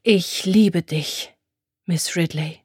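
A woman voicing a big, strong man who insists desperately on his love, slow and muffled, in an audiobook reading. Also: fairly low pitch, mellow, husky, no room sound, clean studio sound. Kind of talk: audiobook character voice.

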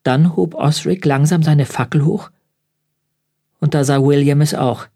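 A man reading an audiobook aloud in measured, tense scripted narration. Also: medium pitch, darkish tone, slightly rough.

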